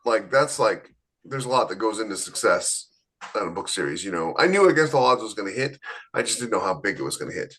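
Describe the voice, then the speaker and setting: An author co-hosting a podcast talks in casual chat, emphatically repeating his points to drive them home. His lowish, slightly rough voice is fairly bright, swings widely in pitch, and moves briskly.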